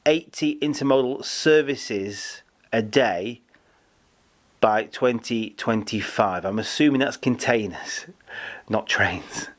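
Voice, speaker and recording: A man hosting a rail news show, reading items in a chatty way with joking self-deprecating asides. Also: medium pitch. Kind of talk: casual rail news presenting.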